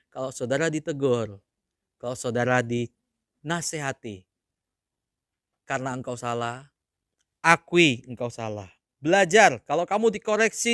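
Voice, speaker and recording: Animated male pastor preaching. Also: no room sound, clean studio sound. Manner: animated preaching, mimics excuse-making in a high voice. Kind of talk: sermon.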